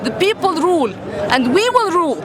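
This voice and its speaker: A woman's voice: extremely high pitch, big pitch swings, a little fast. A woman with an Egyptian accent gives an impassioned, emphatic street interview, repeating phrases for stress. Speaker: pro-democracy activist interviewed at a street protest. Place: outdoors in a crowded city square. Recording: outdoor street, loud crowd and traffic noise.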